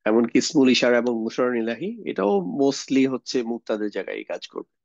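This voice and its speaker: A man's voice: mid-range voice, lively intonation, fast talker, gravelly, no echo, lo-fi sound. A young man teaches a grammar lesson, explaining step by step, mixing in English words and asking rhetorical questions. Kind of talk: lecture on Arabic grammar.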